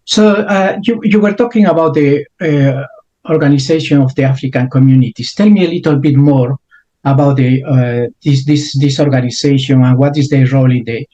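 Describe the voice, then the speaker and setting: A man's voice: mid-range voice, normal speed, warm tone, highs cut off. A man hosting an interview, asking long questions with many restarts and fillers. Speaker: interview host.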